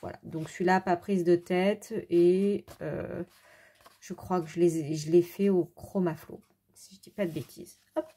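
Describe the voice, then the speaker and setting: A woman casually showing her coloring books, rambling with fillers and quick self-corrections. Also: fairly low pitch, steady tone, mellow, husky. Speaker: adult coloring hobbyist. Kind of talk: casual show-and-tell.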